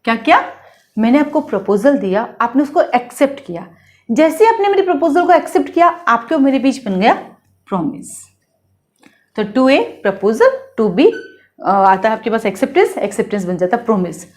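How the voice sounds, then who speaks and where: A woman law teacher with an Indian accent, schooled in Hindi, lecturing in a lively way and repeating points with quick questions to her students. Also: on the high side. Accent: Hindi-medium Indian English words. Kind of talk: classroom lecture.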